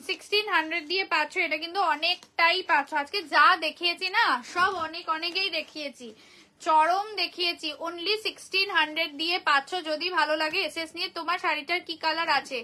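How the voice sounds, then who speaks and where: Chatty high-voiced woman selling saris live. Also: sharp tone. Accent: Bengali from Kolkata. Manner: chatty, repeats prices, greets viewers by name. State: tired voice. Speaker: saree seller hosting a live sale. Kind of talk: casual live-stream sales chat.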